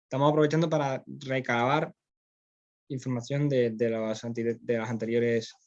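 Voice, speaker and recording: In a philosophy classroom lecture, a man with a Spanish accent from Spain explains concepts step by step, regularly checking in with the students. His mid-range voice is steady and moderately paced, and the recording's highs are cut off.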